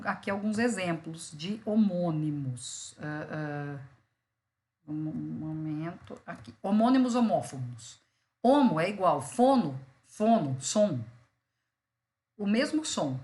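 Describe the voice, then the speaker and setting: A Brazilian woman lecturing, explaining word meanings through examples and checking in with "né" and "tá". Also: fairly low pitch. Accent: Brazilian Portuguese. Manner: explains with examples, many fillers like "né" and "tá". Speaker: law school teacher. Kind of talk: online lecture on vocabulary.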